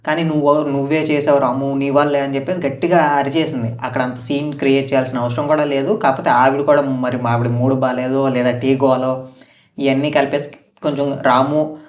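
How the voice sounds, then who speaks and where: A man's voice: mid-range voice, steady tone, fairly quick. Guy chatting through a show recap, retells who said what, sounds far off the mic in a roomy space. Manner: chatty, retells house dialogue in quotes, opinionated asides. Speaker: show reviewer. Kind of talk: casual recap commentary.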